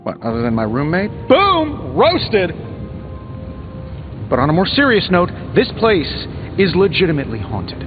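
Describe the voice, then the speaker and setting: An American man playing a cocky, sarcastic superhero inventor with glib, quick-witted banter in a video game. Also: sits high, huge pitch swings, heavily acted. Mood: joking, flippant. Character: cocky, wisecracking male superhero inventor in armour. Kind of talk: video game dialogue acting. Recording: dull game audio with music behind.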